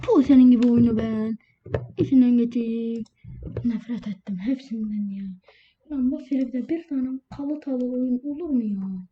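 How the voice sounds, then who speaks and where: A woman's voice: fairly high pitch, normal speed, slightly rough. A woman hosting her own gaming channel, giving casual commentary while grumbling and ranting at the game. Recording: lo-fi with background noise.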